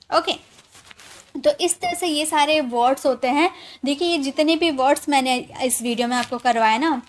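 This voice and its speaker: A woman teaching English phonics in a spoken lesson, patiently spelling out letters and repeating each word. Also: high-pitched. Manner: often checks in with the viewer.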